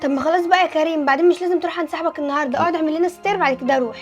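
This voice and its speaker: Give me a young woman playing a defensive young hostess with an Egyptian accent, pleading her case in a very high voice. She talks very fast over clearly audible music. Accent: Egyptian Arabic.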